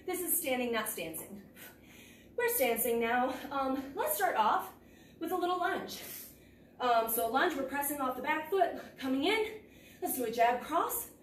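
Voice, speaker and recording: A woman's voice: sits high, animated, normal speed. A young woman instructing a kickboxing workout, calling out moves in clipped cues as she exercises. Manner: physically exerting while talking, in clipped cues. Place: large indoor martial arts gym with mats. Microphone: far camera across the room. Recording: echoey gym, distant mic, noisy.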